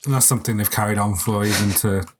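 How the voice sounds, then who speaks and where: Man, podcast co-host, low-ish voice, chatty, loose filler-heavy talk. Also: steady tone, fast, slightly rough. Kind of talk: casual film review chat.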